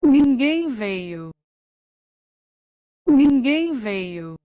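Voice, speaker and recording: A woman reads short lesson phrases with careful pronunciation, saying each one twice. Her voice sits high and moves a lot in pitch, and her delivery is extremely slow. The recording is close and dry. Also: sing-song, no room sound, phone-quality sound. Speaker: language lesson voice. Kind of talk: slow repeated phrase reading.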